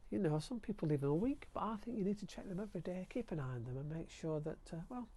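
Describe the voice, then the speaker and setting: A middle-aged man with a Yorkshire accent, chatting excitedly to the camera while gardening outdoors at his allotment, recorded on a clip-on mic. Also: sits high, quick pace. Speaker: allotment vlogger. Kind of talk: casual gardening vlog. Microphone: clip-on mic with lead.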